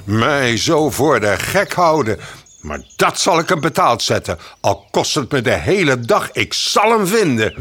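A man voicing a big, angry brown bear in a children's audio story, speaking gruffly. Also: mid-range voice, sing-song, slow pace. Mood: furious. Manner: growling, gruff.

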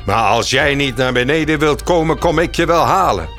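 Gruff bullying bear, played by a man. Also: fairly high pitch, animated, normal speed, a bit bright, soft background music, voice pushed up. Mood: mocking. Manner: gruff, growling and mocking. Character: big grinning male bear, bullying and boastful.

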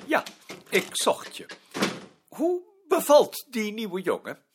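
A prim, hesitant office director. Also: male voice, high-pitched, huge pitch swings, slow pace, background noise, heavily acted. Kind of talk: drama acting.

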